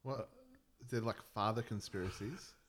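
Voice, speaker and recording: A man's voice: lowish voice, moderate pace, fairly bright tone. A man co-hosting a podcast in casual chat, telling stories in a laid-back way. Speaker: podcast co-host.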